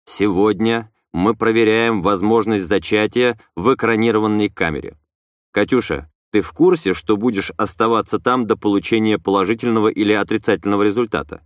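A man's voice: fairly low pitch, a little fast, no echo, studio quality, close to an everyday voice. A man voicing a stern, formal older scientist giving instructions. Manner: formal, disapproving.

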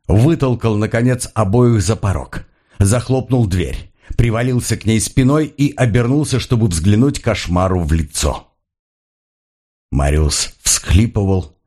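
A man narrating a thriller audiobook in a steady, grave storytelling manner. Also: on the low side.

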